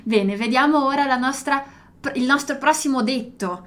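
Woman teaching Italian, slightly high. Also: a bit bright. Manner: switches between Portuguese and Italian, repeats words slowly to model pronunciation. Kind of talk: language lesson explaining proverbs.

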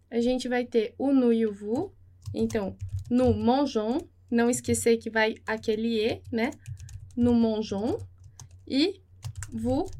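A woman with a Brazilian Portuguese accent teaches a French lesson, repeating each phrase slowly and then translating it. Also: a little high, darkish tone. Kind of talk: slow, patient language lesson with repetition.

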